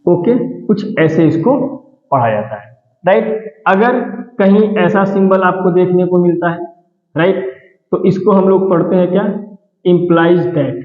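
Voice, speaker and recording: A man's voice: high voice, lively intonation, measured pace, echoey room, in a large hall, phone-quality sound. A man teaching a math lesson, explaining patiently and often ending his points with "right". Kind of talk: classroom-style lesson explanation.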